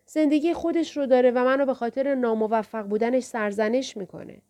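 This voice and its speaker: A woman's voice: on the high side, steady tone, mellow, pitched above the performer's own voice, close to an everyday voice. A woman narrator voicing a distressed young woman who speaks in a pleading, insistent way. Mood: upset.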